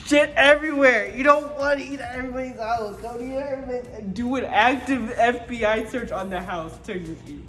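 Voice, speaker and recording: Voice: mid-range voice, a little fast, hardly any pauses, bright, forceful tone. A livestream host chatting casually while cooking, with crude, profane, teasing banter aimed at viewers and stammered, repeated phrase openings. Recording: music and sizzling pan behind. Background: music, food frying.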